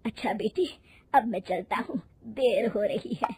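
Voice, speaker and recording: A woman's voice: on the high side, a little slow, very noisy. A woman voicing a kindly, worried old male clerk with an avuncular, complaining manner in a moral story. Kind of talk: moral story character acting.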